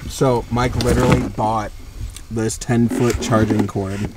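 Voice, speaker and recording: A man's voice: lowish voice, little pitch movement, measured pace. A man joking and rambling casually with friends while filming a camping vlog outdoors at night. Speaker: vlogger filming camping trip. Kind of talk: casual chat among friends. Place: outdoor campsite at night under a canopy. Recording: distant mic, faint outdoor noise.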